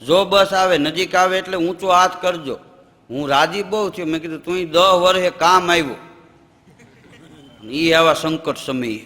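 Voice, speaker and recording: A man spins folksy comic tales on a live stage, his voice pitched high and ringing bright. A long hall reverb trails his words. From Gujarat, India. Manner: folksy, animated storytelling, chanting verses slowly. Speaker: folk comedian. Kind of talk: Gujarati stage storytelling comedy. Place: live stage show with laughing audience.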